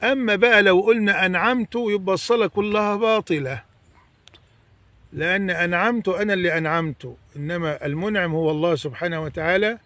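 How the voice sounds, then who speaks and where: A man with an Egyptian accent teaching correct Quran recitation, stretching out example words slowly and then explaining quickly. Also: high-pitched, bright, forceful tone, no echo. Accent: Egyptian Arabic. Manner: slow drawn-out demonstration recitation between quick explanations. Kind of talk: tajweed lesson correcting recitation mistakes.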